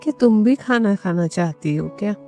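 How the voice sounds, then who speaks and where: A woman voicing a shy, sweet young village bride in a gentle, slightly raised voice, in a storybook drama recap. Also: medium pitch, animated, normal speed, soft background music, natural voice.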